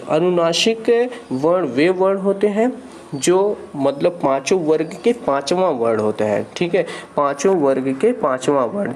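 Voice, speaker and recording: A man's voice: fairly high pitch, a little hiss or hum. A man teaching Hindi grammar in an online exam-prep lesson. He explains each point patiently and keeps checking in with "ठीक है".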